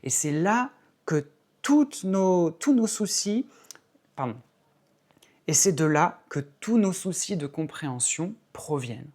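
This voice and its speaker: A woman, an English teacher, explaining patiently and clearly in a video lesson, stressing key words by repeating them. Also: lowish voice, lively intonation, slow pace, a little mellow.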